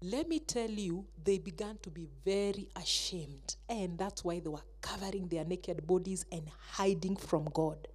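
A woman, a Sunday school teacher telling a Bible story to children in an animated way. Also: fairly low pitch, moderate pace, few pauses. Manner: animated, acts out the characters.

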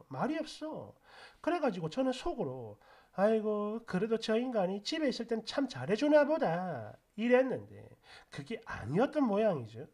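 A woman with a Gyeongsang accent telling a story in a chatty, gleeful, expressive way. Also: a little high. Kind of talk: casual story narration.

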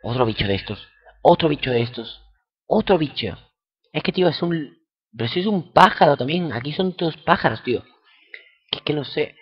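A young man with a Spanish accent from Spain giving casual let's-play commentary, excitable and foul-mouthed, bursting into shouts. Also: fairly high pitch, normal speed, long pauses, breathy edge. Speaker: gameplay commentator. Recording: lo-fi dull home recording.

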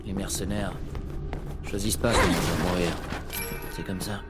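An actor playing a cynical, cocky young mercenary in a French-dubbed video game, with a sardonic, offhand delivery. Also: male voice, sits low, fairly even intonation, moderate pace, lightly acted. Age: young adult. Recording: loud game music and gunfire behind.

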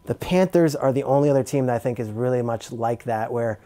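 Jersey guy sports reporter, mellow voice, rattling off football stuff casually. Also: mid-range voice. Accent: New Jersey. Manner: chatty, quick insider talk with many fillers. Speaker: NFL reporter guest. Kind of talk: casual podcast chat.

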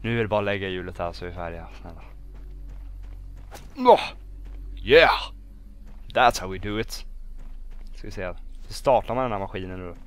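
A man's voice: deep voice, long pauses, clear, resonant tone. A young man casually commenting while playing a game, talking to himself, pleading and exclaiming as he goes. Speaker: gaming video host. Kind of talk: casual let's-play commentary.

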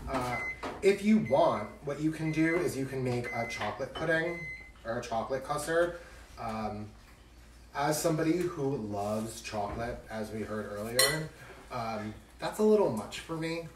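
In an indoor home kitchen, a man hosts a casual live cooking demonstration, chatting, joking and tossing in campy asides. His medium-pitched voice is animated and unhurried. Captured by a camera a few steps away, the audio is echoey, distant and noisy with clattering dishes.

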